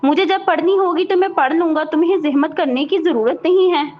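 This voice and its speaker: A woman's voice: sits high, moderate pace, natural voice. A woman voicing a stern, irritable young husband who speaks in a harsh, curt tone. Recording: dull lo-fi recording.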